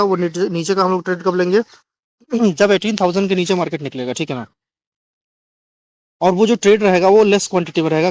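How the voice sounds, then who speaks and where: Hindi-speaking man explaining charts, high voice. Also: no room sound, highs cut off. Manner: repeats "ठीक है" to check understanding. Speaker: market analyst.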